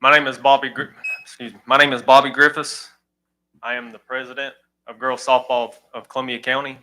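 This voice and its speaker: A man who runs a girls softball league, speaking plainly and earnestly at a county meeting. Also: mid-range voice, little pitch movement, a little fast, low-quality recording. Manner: plain-spoken, earnest, repeats "all right". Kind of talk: public comment at a county meeting.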